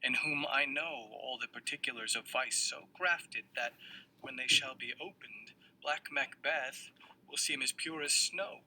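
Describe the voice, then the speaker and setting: A guarded, testing young prince speaks in measured, solemn classical verse, played by a man. The voice sits at an ordinary pitch. A steady hiss of noise runs under the old recording. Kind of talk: classical stage verse reading. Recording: noisy old audio recording.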